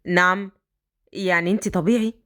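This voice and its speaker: A woman's voice: fairly low pitch, fairly even intonation, a bit bright, pitched below the performer's own voice, lightly acted. A woman voicing a teasing older man, Egyptian. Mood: coaxing. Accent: Egyptian Arabic. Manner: coaxing, drawn-out lines. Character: smitten older rich man, slow and teasing.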